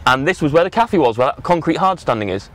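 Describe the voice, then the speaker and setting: A young man from the United Kingdom speaks quickly with a fairly high pitch and lively intonation, casually vlogging from a moving or parked car during a road trip. Sound comes from a dashboard action camera, with car and road noise audible.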